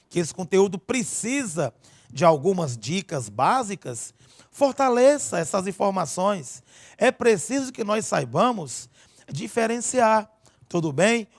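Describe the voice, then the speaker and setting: A male grammar teacher giving a recorded lesson, his voice high and swinging widely in pitch. He keeps checking in with his listeners as he explains. The sound is dry and close, with no room around it. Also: no echo. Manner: lively, checks in constantly with listeners.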